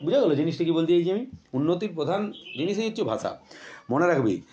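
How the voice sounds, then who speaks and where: A man's voice: a little high, big pitch swings, a little fast, mellow. A male teacher giving an informal lecture to his students, talking in a casual way with frequent restarts and fillers. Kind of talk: classroom lecture explaining a text. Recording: dull lo-fi sound.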